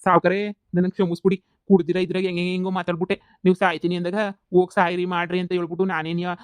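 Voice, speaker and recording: A man's voice: fairly high pitch, clear, resonant tone, no room sound, natural voice. A man voicing a poor, loyal village friend who apologizes and reassures humbly. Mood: apologetic.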